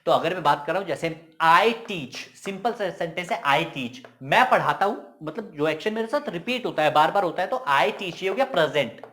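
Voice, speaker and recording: A man teaching English grammar in a casual, emphatic lesson. He repeats key points as quick questions and slips in jokey asides. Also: a little high, animated, fairly bright tone.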